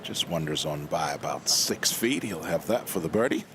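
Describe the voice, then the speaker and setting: A man's voice: very deep voice, expressive, normal speed, background noise. A man giving live golf commentary in an informal, conversational way, as an analyst.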